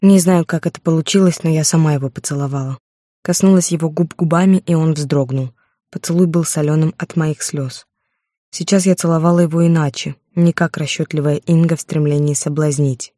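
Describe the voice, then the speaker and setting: A woman narrating a first-person romance novel in a steady storytelling voice, on a close microphone. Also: low voice, brisk, no room sound. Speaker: audiobook narrator.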